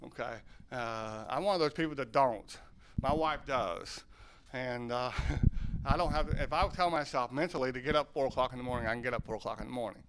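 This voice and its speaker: A man's voice: medium pitch, fairly quick, fairly bright tone, smooth. A man from southern Ohio who teaches sign language, giving a loose, self-correcting talk and questioning his audience.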